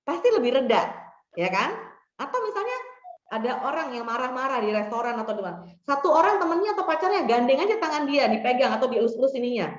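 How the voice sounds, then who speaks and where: A woman's voice: high-pitched, very animated, fast talker. Woman counselor, echoey dull recording. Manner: conversational, acts out example dialogues. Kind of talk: workshop talk giving advice.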